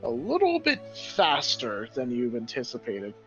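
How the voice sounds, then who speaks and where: A man running a tabletop game as dungeon master, narrating with animated, drawn-out emphasis. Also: mid-range voice, lo-fi sound, soft background music.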